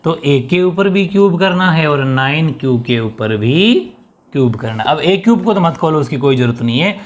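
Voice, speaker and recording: A man with a slightly high voice talks through a whiteboard maths lesson. He mixes English terms into his speech and keeps asking questions, then answering them himself. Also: expressive, moderate pace. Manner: asks and answers own questions. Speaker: maths teacher.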